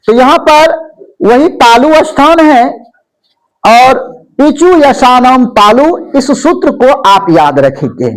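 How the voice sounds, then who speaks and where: Woman, grammar teacher, high voice, slow explaining, repeats terms, lively rise and fall. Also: poor audio. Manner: slow, repeats each term, asks and answers own questions. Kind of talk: classroom lesson.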